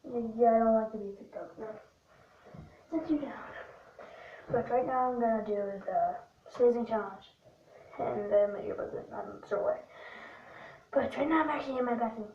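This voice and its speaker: A woman's voice: fairly high pitch, normal speed, pauses often. A woman rambling casually to viewers in a homemade vlog recorded in a bathroom. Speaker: amateur video maker. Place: small bathroom at home. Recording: echoey bathroom, distant dull mic, faint noise.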